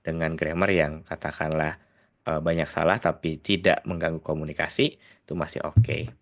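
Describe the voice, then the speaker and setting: Very low-voiced man with a Sundanese accent. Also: fairly even intonation, normal speed, vocal fry. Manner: chatty, explains with many tag words and hesitations; mixes English phrases into his talk. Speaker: IELTS tutor. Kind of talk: casual video lesson.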